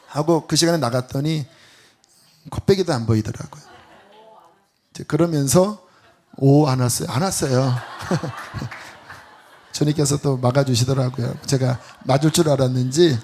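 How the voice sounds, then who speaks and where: A middle-aged man, a pastor, preaching a Friday sermon and telling a personal story with animated, acted-out quotes. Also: a little high.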